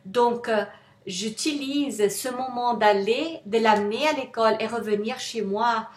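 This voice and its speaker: A woman's voice: fairly high pitch, a little slow. A woman with a non-native accent gives an informal motivational self-help talk as an author, often searching for words. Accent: foreign, non-native French. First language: not French. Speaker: author presenting her self-help manual. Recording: echoey, roomy sound.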